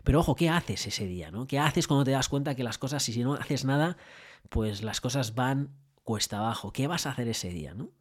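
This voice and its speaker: With a Spain Spanish accent and a brisk, mid-range voice, a man gives a motivational business talk. He coaches listeners with plenty of rhetorical and tag questions, telling stories animatedly and acting out dialogue.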